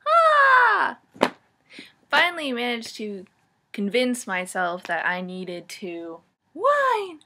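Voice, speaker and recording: Bright-voiced sarcastic young woman. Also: medium pitch, sing-song, takes it slowly. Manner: sarcastic, swears freely, leans on filler "like"; gushing then mocking, dramatic sighs and groans. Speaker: vlogger reviewing a book. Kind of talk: casual comic book-review rant.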